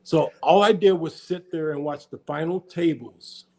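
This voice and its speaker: A man's voice: on the high side, moderate pace, darkish tone. An older American man, a podcast guest, talking in a rambling, casual way and often repeating and restarting his words. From United States. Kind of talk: casual interview chat.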